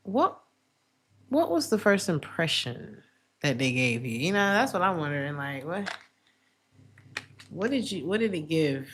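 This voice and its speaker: A woman with a raspy smoker's voice, chatting casually and playfully as she gives a live tarot reading. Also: low voice, big pitch swings, unhurried, pauses often, a bit bright. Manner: playful, breaks into song lyrics and acted asides. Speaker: tarot reader hosting a livestream.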